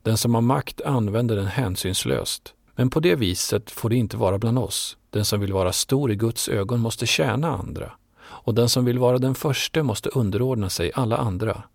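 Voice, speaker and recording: A man voicing Jesus as a calm, grave male teacher, speaking in a measured, solemn way. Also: mid-range voice, vocal fry, no echo, studio quality.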